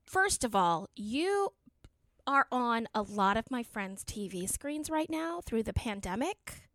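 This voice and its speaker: A woman's voice: a little high, big pitch swings, slow, a bit bright, dry recording, studio quality. A woman hosting a podcast, chatting casually with her guest in an enthusiastic, talkative way. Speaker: podcast host. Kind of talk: casual interview chat.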